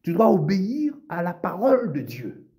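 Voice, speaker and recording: A man's voice: high voice, very animated, normal speed, warm tone. A man preaching a sermon, insistent and repetitive, addressing his listeners directly as brothers and sisters.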